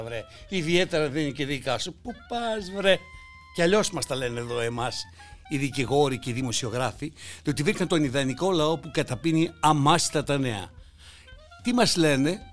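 A man delivering a mocking satirical monologue, swinging between loud outbursts and hushed asides. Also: fairly high pitch. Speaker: satirical commentator.

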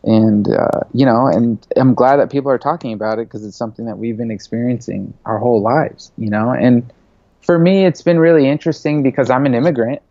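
A Saudi-born, US-raised man in his thirties, a media creative, is a guest in a casual interview, talking loosely and leaning heavily on "you know" and "like." His medium-pitched voice is brisk and dark-toned with fairly even intonation. The recording is dry, with the highs cut off.

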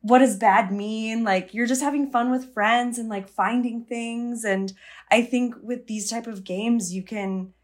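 A woman's voice: fairly high pitch, fairly even intonation, a little slow. Rambling woman comedian guest. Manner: rambling, filler-heavy "like" talk. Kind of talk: casual podcast chat.

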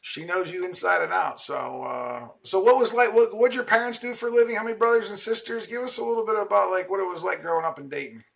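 A man's voice: sits high, quick pace, creaky, few pauses, a bit bright. A man in his thirties from Ohio hosting a podcast, talking eagerly and casually with lots of fillers. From Ohio, USA. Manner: enthusiastic, chatty, many fillers. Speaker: podcast host. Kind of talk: casual interview chat.

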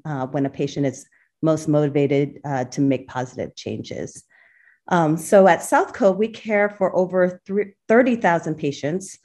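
This Boston obstetrician-gynecologist, interviewed for a podcast, responds thoughtfully and fills her speech with fillers. Her voice sits low and has a darkish tone.

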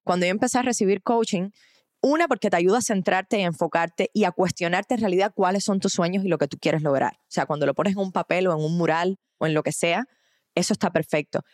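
A woman's voice: on the low side, quick pace, a little mellow, no room sound, studio quality. A woman hosting a podcast, talking in an enthusiastic and encouraging way. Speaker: podcast host. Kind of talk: casual conversation.

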